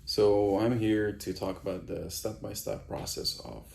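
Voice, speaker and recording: A man's voice: lowish voice, steady tone, measured pace, creaky, darkish tone. A man vlogging casually from a quarantine room, talking offhand and frank and swearing now and then. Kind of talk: casual vlog monologue. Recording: echoey room, faint background noise.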